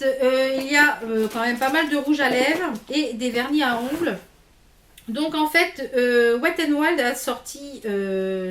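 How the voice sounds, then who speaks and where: A woman's voice: sits high, fairly bright tone, roomy sound, a little hiss or hum. A woman chatting casually through a beauty haul, with many fillers and restarts. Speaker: beauty vlogger. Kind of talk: casual haul video chat.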